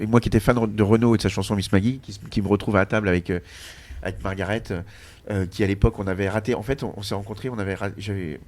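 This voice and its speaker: A middle-aged man from France, a chef telling anecdotes in a relaxed interview, with frequent restarts and fillers. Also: on the low side. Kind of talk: casual interview storytelling.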